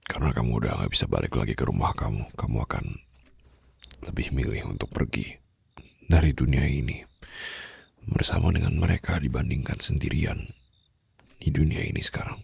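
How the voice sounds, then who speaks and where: A man takes on the role of a brooding young male mafia boss, commanding but tenderly protective, in an intimate ASMR roleplay. His husky, breathy bass voice is a full character voice, slow, hushed, formal and soothing, drifting into whispers with a stern, grave mood. A close studio microphone captures it dry.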